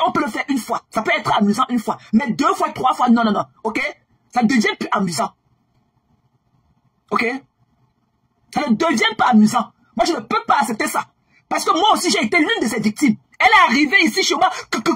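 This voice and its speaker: A woman on social media delivering a heated, scolding gossip rant, repeating herself and swinging between low and raised voice. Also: fairly bright tone, slightly rough.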